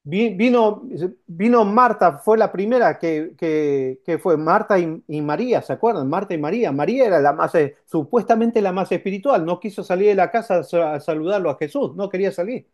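High-voiced, mellow preacher. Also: male voice, brisk, few pauses. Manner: lively, conversational preaching with rhetorical questions and repetition. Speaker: pastor. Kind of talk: sermon.

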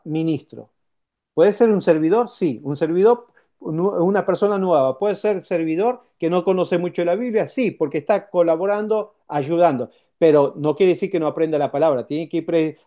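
A man preaching a sermon, conversational and lively, with rhetorical questions and repeated points. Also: a little high, normal speed. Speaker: pastor.

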